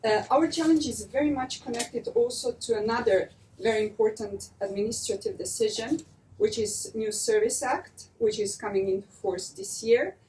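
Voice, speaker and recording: A young woman presenting a student project in a measured way, pausing on fillers. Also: on the high side, mellow. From Serbia. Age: young adult. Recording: distant room mic, faint ambience.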